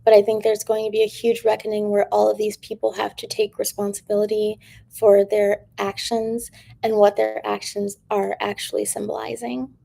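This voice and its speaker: A woman's voice: medium pitch, monotone, normal speed, vocal fry, warm tone. A woman hosting a casual livestream, rambling with lots of fillers and drifting into whispers, her throat strained from talking. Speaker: livestream host.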